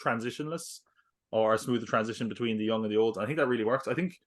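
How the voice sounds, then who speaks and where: A male podcast co-host chats about films in a casual, rambling way. His voice sits at an ordinary middle pitch, and his talk is peppered with fillers and quick jokes. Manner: rambling, filler-heavy, jokey asides. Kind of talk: casual film review chat.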